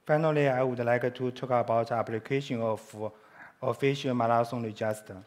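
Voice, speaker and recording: In his conference talk, a man whose first language is Chinese stumbles through English, often restarting and correcting himself. He keeps a medium pitch and a steady tone, and his accent is Chinese.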